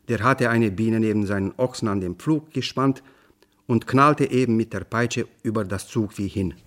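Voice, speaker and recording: A man reading a fairy tale aloud as narrator, with a measured, expressive storytelling delivery. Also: mid-range voice.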